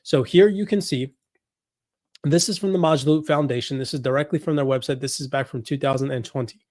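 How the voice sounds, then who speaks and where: A man's voice: medium pitch, a little fast, darkish tone, dry recording, studio quality. A man hosting a finance commentary video, scrolling through documents on screen, reading passages aloud and stressing the same points again and again. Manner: explains while scrolling, reads passages aloud, repeats points. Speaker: crypto commentary host. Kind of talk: screen-share document walkthrough.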